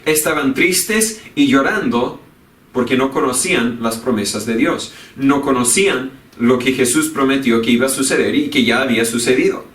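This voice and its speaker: A man's voice: medium pitch, fairly bright tone. A pastor preaching a sermon earnestly, repeating his key phrases for emphasis. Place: church sanctuary. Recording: echoey church from far off.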